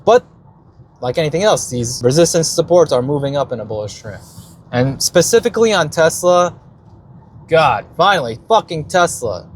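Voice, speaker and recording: Male, slightly high voice, brash profane crypto-bro, unscripted casual market vlogger, noisy vehicle-like background. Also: animated, moderate pace. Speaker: retail investor and stock market video host.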